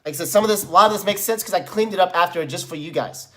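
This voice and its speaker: A middle-aged man teaches in a blunt, swearing, coaching way, his voice sitting a little high. He drives his points home hard and tips into furious ranting to show the method. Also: rapid-fire. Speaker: self-help coach. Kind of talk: tutorial with example venting.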